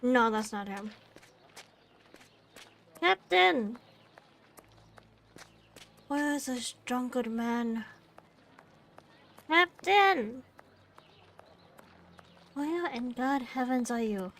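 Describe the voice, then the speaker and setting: High-pitched woman streaming a video game. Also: a little slow, hardly any pauses. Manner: reactive, exclaiming, swearing. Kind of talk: casual live gameplay commentary.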